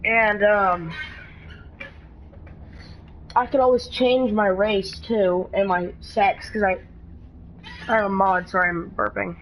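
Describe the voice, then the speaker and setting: A woman casually talking through a game on a live stream, rambling and halting, with frequent restarts. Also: medium pitch, fairly even intonation. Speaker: gaming streamer. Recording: dull lo-fi stream audio with faint noise.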